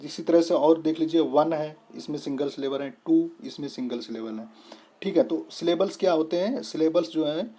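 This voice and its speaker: A man teaching a lesson, explaining terms step by step, splitting words slowly and often checking that the listener follows. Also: on the high side, mellow. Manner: repeats "thik hai" to check understanding. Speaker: English tutor.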